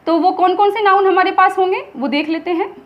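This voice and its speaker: A woman teaching English grammar in Hindi, asking and answering her own questions and dictating examples slowly. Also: extremely high pitch, highs cut off. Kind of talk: classroom lesson in Hindi.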